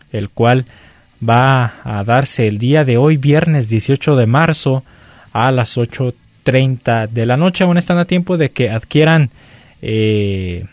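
A man with a Mexican accent hosts a lucha libre show, presenting the match card conversationally and pausing as he finds his words. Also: medium pitch, darkish tone, no echo.

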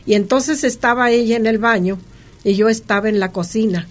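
A middle-aged woman with a Mexican accent recounts her experiences in an animated, conversational way. Her voice sits a little high for a woman. She tells each anecdote in a lively manner. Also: moderate pace. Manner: animated, lively anecdotal telling with frequent laughs. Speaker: interviewee. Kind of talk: conversational storytelling.

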